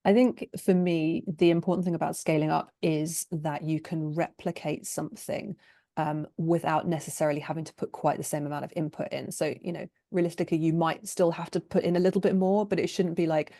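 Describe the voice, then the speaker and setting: Woman, low pitch, mellow tone, gravelly fry, casual interview guest, informal storytelling. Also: level tone, a little fast, no echo, clean studio sound. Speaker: guest, copywriting agency owner.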